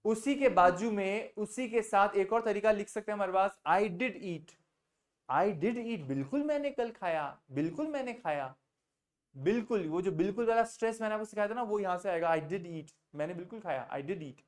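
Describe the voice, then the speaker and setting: A man's voice: sits high, moderate pace. A male English teacher with an Indian accent runs an online class over a video call. He patiently puts questions to his students by name and switches between Hindi and English as he explains.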